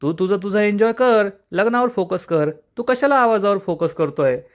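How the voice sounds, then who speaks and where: A man's voice: high voice, animated, normal speed, lo-fi sound, pitched above the performer's own voice. Guy doing cheeky little brother, teasing tone, basically his own voice. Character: mischievous younger brother, playful prankster.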